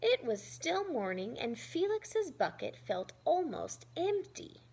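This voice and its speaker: A woman's voice: high-pitched, sing-song, takes it slowly, a little mellow, low-quality recording. A woman teacher reading a children's story aloud expressively, with simple asides explaining it to young listeners.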